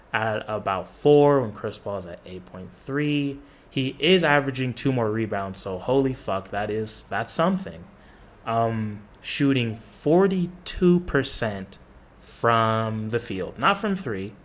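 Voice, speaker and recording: A man's voice: fairly low pitch, animated, slow pace. A man doing reaction commentary on a basketball video, with sarcastic, profane trash talk.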